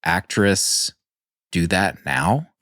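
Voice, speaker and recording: Deep-voiced chatty podcast man. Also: lively intonation, extremely slow, bright, forceful tone, dry recording, clean studio sound. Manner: chatty, laughs often, self-interrupting. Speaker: podcast host. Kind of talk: casual movie podcast chat.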